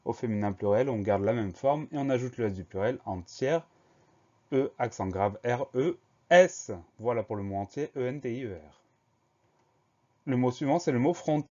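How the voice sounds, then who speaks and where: A man teaching a French spelling lesson, slowly spelling each word letter by letter and explaining the grammar. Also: medium pitch, animated, a little mellow, highs cut off. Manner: slow, methodical, spells words letter by letter.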